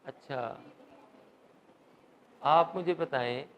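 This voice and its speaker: A middle-aged man gives a classroom grammar lecture in a high voice. He keeps asking his students questions and slips English grammar terms into his speech. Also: fairly bright tone, rough recording. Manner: quizzes students, mixes English terms into Urdu. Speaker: English teacher.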